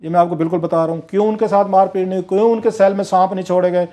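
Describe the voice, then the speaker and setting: A man's voice: high voice, fairly even intonation, racing, dark tone. A man, giving emphatic, story-driven commentary as a political analyst on a talk show.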